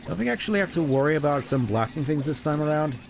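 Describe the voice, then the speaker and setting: A man's voice: fairly high pitch, expressive, fast talker, creaky. Wry male streamer over game music. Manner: wry, musing, rambling. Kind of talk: casual live game commentary.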